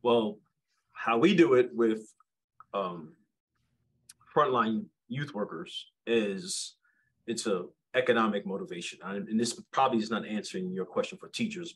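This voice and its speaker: A man's voice: lowish voice, fairly bright tone, a little hiss or hum, rough recording. A man who runs youth programs, speaking with energy on a video-call panel and often tossing in rhetorical "right?" questions. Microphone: webcam on a video call.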